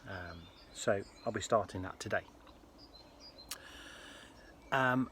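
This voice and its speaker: A British man speaking casually to viewers in a personal health vlog, with an earnest, halting delivery. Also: low voice, a bit bright. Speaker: health vlogger. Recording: faint ambient background noise.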